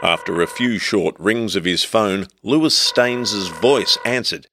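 Low-voiced wisecracking audiobook narrator, man. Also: unhurried, a bit bright, slight background noise. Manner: wisecracking hard-boiled first-person.

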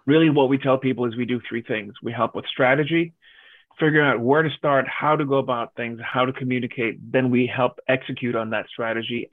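A man's voice: mid-range voice, dry recording. A man from Denmark, a guest business advisor, answering interview questions in a direct, emphatic way over a video call. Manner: direct, emphatic, lists points. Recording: tinny phone-like line.

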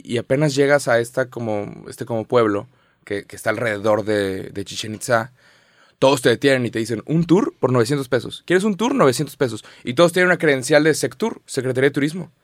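A man's voice: medium pitch, fairly quick, dry recording, clean studio sound. A young man with a Mexican accent co-hosting a casual podcast, slangy and chatty, telling stories. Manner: slangy, storytelling, laughs often. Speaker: podcast co-host.

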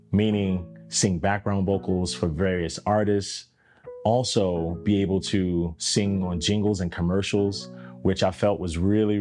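Young male host, low voice, unhurried personal storytelling over faint guitar. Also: darkish tone. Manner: conversational, reflective, drawn-out emphasis. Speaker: podcast host.

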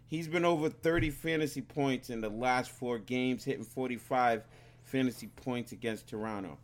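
A man with a mid-range voice at normal speed co-hosts a casual sports podcast, chatting about picks. He rambles, stumbles over words, and drifts on and off the mic.

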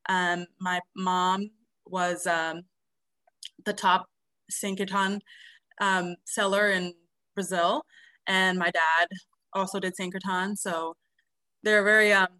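Bright-voiced woman in her thirties. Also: lowish voice, flat delivery, takes it slowly, long pauses, no room sound. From South America. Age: 30s. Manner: soft, hesitant, many ums. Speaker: podcast guest, nurse. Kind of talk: casual interview answers.

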